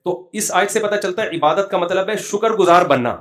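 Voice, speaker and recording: A middle-aged man delivering a relaxed, joking sermon in a somewhat high voice. He tells stories and slips into slow Arabic recitation now and then, speaking in a chatty, storytelling way. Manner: storytelling, humorous, quotes Quranic verses in Arabic. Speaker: Islamic scholar giving a religious talk. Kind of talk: conversational sermon with jokes and anecdotes.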